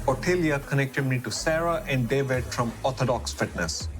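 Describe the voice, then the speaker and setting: A man's voice: medium pitch, moderate pace, fairly bright tone. Man narrating a travel show over music.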